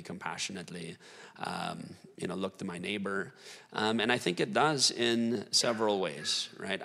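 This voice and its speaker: A man's voice: lowish voice, vocal fry, pushed and bright, big-room sound. A man explaining theology in a casual discussion, thoughtful with many fillers. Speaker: guest theologian.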